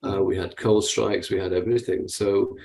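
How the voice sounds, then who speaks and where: A man's voice: lowish voice, fairly even intonation, moderate pace, creaky, darkish tone, echoey room, a little hiss or hum, poor audio. Hesitant older man with a Manchester accent. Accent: Manchester English. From England. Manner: hesitant, many fillers and restarts. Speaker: guest investor. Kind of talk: interview conversation.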